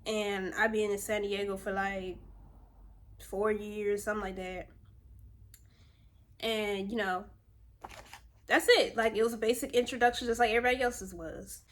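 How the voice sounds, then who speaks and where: A woman's voice: mid-range voice, fairly even intonation, normal speed, pauses often, a bit bright. A woman in her twenties from Virginia tells a story in a casual, rambling way, full of fillers and asides. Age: 20s. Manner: rambling and chatty, with many fillers. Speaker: vlogger.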